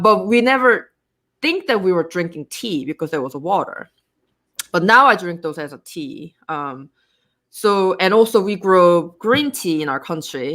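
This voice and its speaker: A woman's voice: lowish voice, fairly bright tone. A woman from Korea with a Korean accent, speaking English as a second language, talking casually as an interview guest with frequent fillers and restarts.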